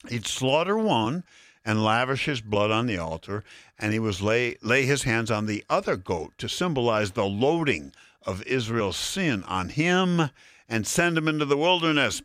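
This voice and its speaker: A man preaching a sermon, expounding Bible verses in a deliberate, emphatic way to listeners. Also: medium pitch, lively intonation, fairly bright tone, dry recording, clean studio sound. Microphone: broadcast sermon addressing listeners.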